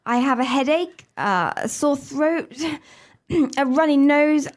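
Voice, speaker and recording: A woman's voice: sits high, slow. A woman playing a sick employee in a scripted lesson dialogue, acting unwell and hesitant. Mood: ill, apologetic. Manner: acting unwell, hesitant, coughing and throat-clearing. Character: sick female employee calling in sick. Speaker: dialogue actor and example announcer.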